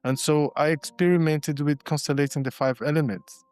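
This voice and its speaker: A man's voice: on the high side, fairly even intonation, normal speed, darkish tone, clean tone. A man, a podcast guest telling his story reflectively, often restarting and repeating words. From Brazil. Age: 60s. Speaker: guest, constellations facilitator and shiatsu practitioner. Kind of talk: casual podcast interview.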